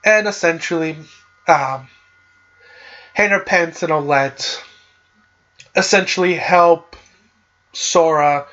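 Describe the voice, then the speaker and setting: A man's voice: on the high side, slow, pauses often, bright, forceful tone, lo-fi sound. A man hosting a podcast, casually recapping a video game plot in a rambling, filler-heavy way.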